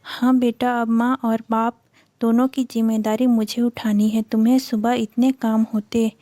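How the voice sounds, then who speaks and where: A woman voicing a gentle, caring older father-in-law in a storybook reading, speaking with soft affection. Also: fairly high pitch, level tone, a little slow, no room sound, close to an everyday voice. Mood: affectionate.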